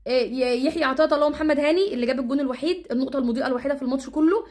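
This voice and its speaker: Egyptian woman ranting about football, high voice, talks super fast, keeps repeating herself. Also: darkish tone. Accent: Egyptian Arabic. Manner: exasperated, repetitive, rapid-fire ranting. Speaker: football commentator vlogger. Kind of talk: casual ranting commentary.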